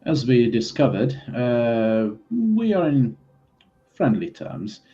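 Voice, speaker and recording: A man improvising as a player in a tabletop game, speaking politely and haltingly. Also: mid-range voice, sing-song, dark tone, dull audio. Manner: hesitant, halting, polite phrasing. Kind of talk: improvised in-character game talk.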